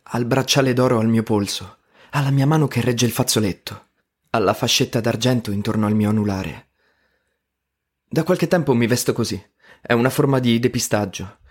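A man's voice: mid-range voice, breathy edge. A man narrating a story in the first person, wry and ironic in tone.

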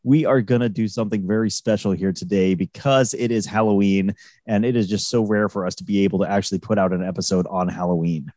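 A man's voice: fairly low pitch, fairly even intonation, fast, warm tone, dry recording. A man co-hosting a podcast in a casual, conversational way. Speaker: podcast co-host. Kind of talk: casual podcast chat and introduction.

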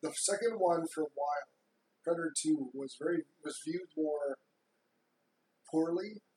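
A woman's voice: low voice, measured pace, mellow. A woman co-hosting a podcast in a casual, conversational way. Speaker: podcast co-host. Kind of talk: casual chat. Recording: roomy, with some background noise.

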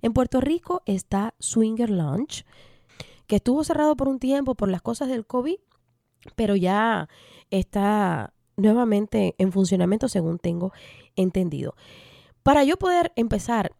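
A woman's voice: mid-range voice, animated, a little slow, gravelly, mellow, dry recording, studio quality. A woman with a Caribbean Spanish accent hosting a podcast, talking frankly and informally as she gives advice and reads listener letters. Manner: frank, informal, affectionate forms of address. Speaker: podcast host. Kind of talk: casual advice talk, reading out listener letters.

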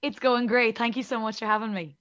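A woman's voice: fairly high pitch, steady tone, fairly quick, fairly bright tone, no echo. Irish woman, interview guest, chatty, self-deprecating, dry, slightly dull sound. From Ireland. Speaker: musician guest. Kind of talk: casual interview chat.

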